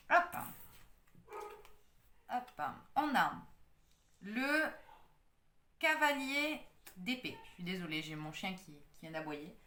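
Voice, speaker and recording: A woman's voice: medium pitch, fairly bright tone, a little hiss or hum. Hesitant woman reading tarot in echoey room. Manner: hesitant, many fillers and restarts. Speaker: tarot card reader. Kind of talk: casual astrology card reading.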